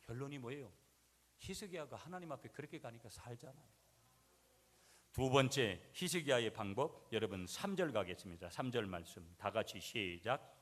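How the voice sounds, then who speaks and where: A male pastor preaching a sermon, swinging from quiet asides to loud, rising climaxes and having the congregation repeat lines after him. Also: mid-range voice, expressive, moderate pace. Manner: swings from soft asides to shouted peaks, has the church repeat after him.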